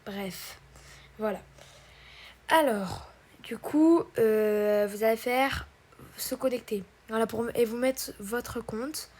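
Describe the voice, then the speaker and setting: A woman's voice: a little high, steady tone, takes it slowly, a little mellow. A woman hosting a casual tutorial, talking hesitantly with many fillers and restarts. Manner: addresses viewers as "guys" and "brothers". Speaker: tutorial host. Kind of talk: casual screen-recorded tutorial.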